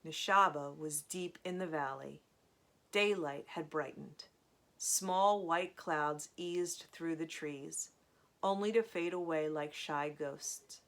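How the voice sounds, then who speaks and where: A woman reading a novel aloud in a slow, measured storytelling manner, with casual asides between chapters. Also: sits low, fairly bright tone. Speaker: reader of a novel.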